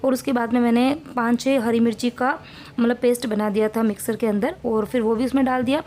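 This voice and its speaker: Woman in her 30s, home vlogger, mellow, slightly high, talkative. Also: steady tone, a little fast, slight background noise. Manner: chatty, rambling, homely cooking talk. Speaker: family vlogger. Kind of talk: casual vlog narration.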